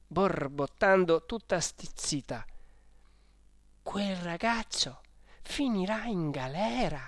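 An audiobook reader narrating a first-person diary story in a measured, even manner. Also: mid-range voice, no echo. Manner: slow, measured, even reading.

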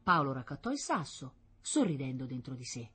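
A woman narrates an audiobook in a steady storytelling manner. Her voice sits low and has a husky, breathy grain. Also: normal speed.

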